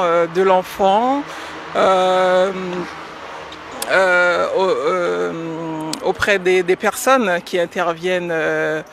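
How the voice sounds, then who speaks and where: A woman from French Guiana in her forties, answering radio interview questions about teaching with hesitant pauses and many fillers. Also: lowish voice, a little hiss or hum. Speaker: guest, educator.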